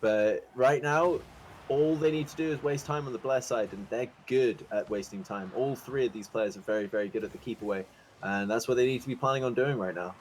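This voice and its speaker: Joking excitable esports color commentator. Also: male voice, medium pitch, a little fast, a little hiss or hum, poor audio.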